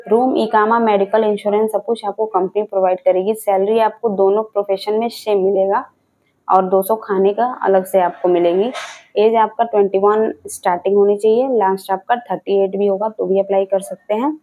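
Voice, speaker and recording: Mellow-voiced young woman explaining a job opening. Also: mid-range voice. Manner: explanatory, repeats key details. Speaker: job vacancy channel host. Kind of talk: informational video talk to camera. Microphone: clip-on mic seen on scarf.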